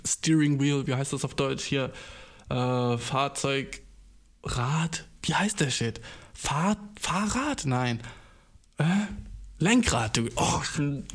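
A man's voice: mid-range voice, slow pace. A young man, hosting a podcast and telling a story in casual, slangy speech, swearing freely and mixing in English words. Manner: animated, jumps into exaggerated voices. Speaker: podcast host.

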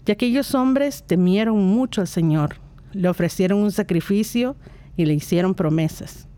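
A reader calmly reading an Old Testament passage in a measured liturgical style. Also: mid-range voice. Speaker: scripture reader.

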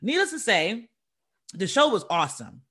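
A woman from the Bronx hosting a casual interview, animated and chatty. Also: medium pitch, moderate pace, husky. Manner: animated, chatty, says y'all and dope. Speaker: host.

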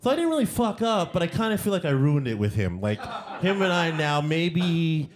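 A man, a guest artist, telling animated anecdotes in casual conversation, often laughing as he goes. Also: fairly high pitch, normal speed. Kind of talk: casual storytelling.

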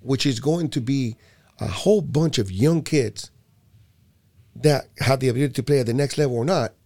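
A man from Puerto Rico talks casually and emphatically about youth sports. He presses his points hard and restarts phrases with repeated words, and his voice sits at an ordinary middle pitch. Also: moderate pace, a little mellow. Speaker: youth basketball program director. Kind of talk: casual conversation.

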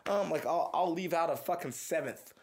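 A young man from the Houston, Texas area, guesting as a musician in an interview, has a voice on the high side at a moderate pace. He's relaxed and profane, rambling through stories.

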